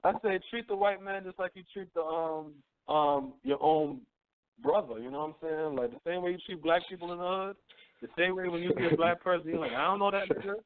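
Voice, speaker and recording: A man's voice: high-pitched, brisk. A man in his thirties hosting a call-in radio show, talking bluntly and profanely, preaching and often asking "you know what I'm saying.". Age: 30s. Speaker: radio host. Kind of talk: casual call-in radio talk. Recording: tinny phone-line audio.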